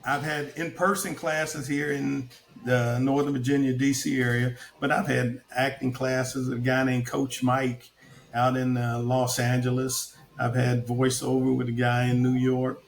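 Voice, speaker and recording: Gravelly older man telling stories. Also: medium pitch, flat delivery, unhurried, reverberant. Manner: storytelling with quoted voices, many fillers. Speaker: podcast guest. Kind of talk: casual advice chat.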